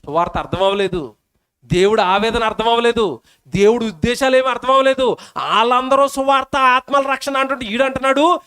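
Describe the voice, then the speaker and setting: A man's voice: very high-pitched, brisk, fairly bright tone, smooth. A man preaching a sermon at a public meeting, asking rhetorical questions, repeating phrases and acting out quoted prayers. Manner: acts out quoted prayers and scripture dramatically.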